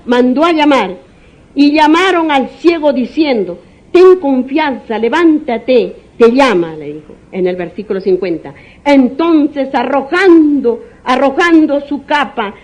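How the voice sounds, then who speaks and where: A woman pastor preaching a sermon, her voice a little high and rising and falling widely as she goes. She speaks very slowly, answering her own rhetorical questions and repeating her phrases, sometimes stumbling over a name and starting it again. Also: darkish tone.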